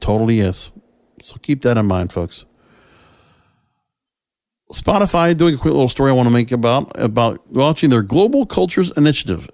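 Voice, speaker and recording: A man with a medium-pitched, darkish voice hosts a solo podcast of conversational opinion commentary on entertainment news. He often asks rhetorical questions and rephrases himself mid-sentence. The sound is clean studio audio with no room sound.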